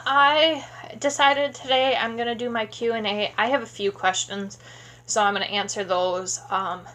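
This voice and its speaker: A chatty, sleepy woman in her thirties from Wisconsin rambles through a home vlog Q&A, full of fillers, speaking into a tablet camera at close range in a small room. Her fairly high, sharp voice keeps a steady tone at normal speed, and the recording is rough.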